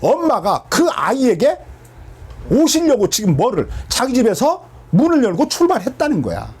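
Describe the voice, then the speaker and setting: A man's voice: very high-pitched, huge pitch swings, moderate pace, a little mellow, husky. A man teaching from the Bible as a pastor, asking his listeners questions and answering them himself.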